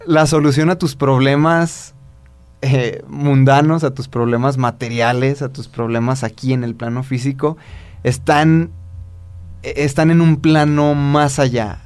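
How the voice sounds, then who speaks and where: Measured in pace and level in tone, this man's mid-range voice is smooth and slightly mellow. Co-hosting a podcast with a Mexican accent, he rambles through a spiritual story, full of restarts and fillers.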